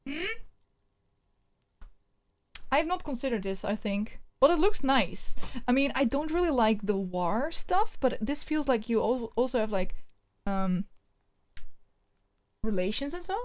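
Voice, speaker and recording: A woman streamer from the Netherlands with a Dutch accent, chatting casually and thinking aloud while playing. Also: fairly high pitch. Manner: relaxed, chatty, thinking aloud with many fillers. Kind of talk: casual game stream chat and reading aloud.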